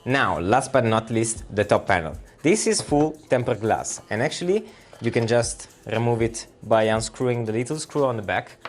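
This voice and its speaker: A man's voice: medium pitch, lively intonation, moderate pace, faint music behind. A man with an Italian accent giving a friendly, step-by-step product walkthrough and talking to viewers as "guys". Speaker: product presenter.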